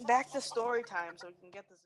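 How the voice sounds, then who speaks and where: A woman's voice: a little high, fast talker, noisy background. A young woman telling a rambling school story with lots of fillers and self-corrections, casual talk with friends over an online game chat. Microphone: headset mic on the shoulder. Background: chickens clucking.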